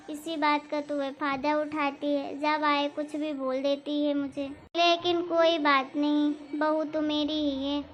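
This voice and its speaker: A woman voicing a kind, hardworking older mother-in-law in a cartoon, speaking in a gentle, patient, pleading way. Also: high voice. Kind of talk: cartoon voice acting. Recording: dull lo-fi recording.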